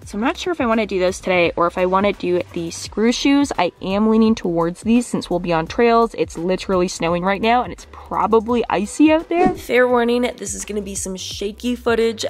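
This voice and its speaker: A woman's voice: mid-range voice, fairly quick, few pauses. A young woman giving chatty, casual narration as a running vlogger. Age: young adult.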